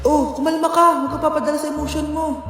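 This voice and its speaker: A woman's voice: high-pitched, flat delivery, fast, echoey room. A woman voicing a scheming teenage girl's inner thoughts in a comedy skit, coaxing and muttering asides, over background music. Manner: conspiratorial asides. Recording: music playing underneath.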